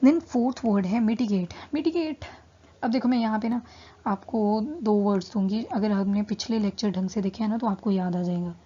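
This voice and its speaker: Mellow, husky woman teaching vocabulary. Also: medium pitch, highs cut off. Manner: repeats "theek hai" as a check-in, stretches key English words slowly. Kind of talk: casual Hindi-English teaching.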